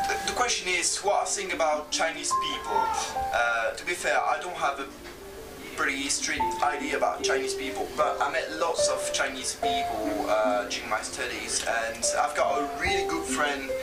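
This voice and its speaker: A man from France with a French accent, answering an interview in English in a thoughtful, measured way. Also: mid-range voice, roomy sound. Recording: distant mic, loud music bed.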